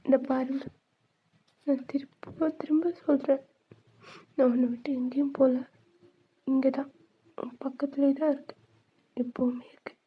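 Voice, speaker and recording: A woman voicing a gentle male ghost who soothes his grieving lover, in a soft, reassuring whispered role-play. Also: high-pitched, little pitch movement, slow pace, long pauses, breathy edge, exaggerated voice. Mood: hushed. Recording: tinny phone-like sound.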